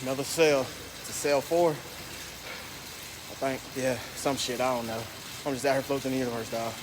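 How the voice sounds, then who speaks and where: A fitness vlogger with a Southern US country accent delivers a casual monologue from a gym, rambling and profane, with speech that is slurred and deliberately slowed and a slight S lisp. His medium-pitched voice has fairly even intonation, with background noise and a long reverb tail.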